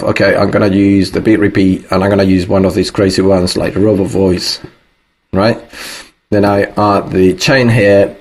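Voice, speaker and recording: Husky low-voiced man explaining music software. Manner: loose and thinking aloud, many fillers. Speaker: music production tutor. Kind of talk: casual screen-recorded tutorial.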